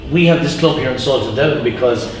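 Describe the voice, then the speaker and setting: A man's voice: medium pitch, fast. A man interviewing casually, often agreeing with short interjections. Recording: very echoey, distant mic, faint noise.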